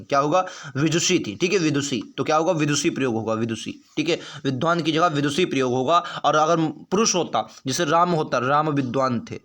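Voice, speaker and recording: A man leads an exam practice lesson in a fairly high voice. He keeps asking his viewers questions and repeats each answer over and over until it sticks. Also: fairly bright tone. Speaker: Hindi exam teacher.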